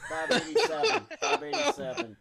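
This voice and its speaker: A man's voice: extremely high pitch, sing-song, a little fast, gravelly, a loud crowd. A man co-hosting a sports podcast in casual, jokey banter, often exclaiming.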